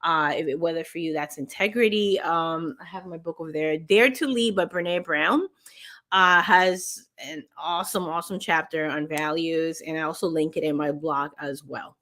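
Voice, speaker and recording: A woman's voice: low-pitched, moderate pace, fairly bright tone. A woman vlogger earnestly sharing her motivation habits in casual talk to camera, with many restarts and fillers. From grew up partly in Peru.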